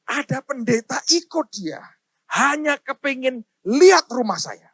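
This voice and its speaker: Husky, animated preacher man. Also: extremely high pitch, unhurried, dry recording, studio quality. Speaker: pastor. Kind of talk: sermon.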